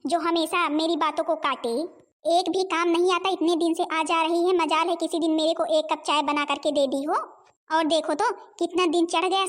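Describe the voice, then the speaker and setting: A woman voicing a nagging, dramatic older mother-in-law who scolds loudly in a homemade cartoon. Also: extremely high pitch.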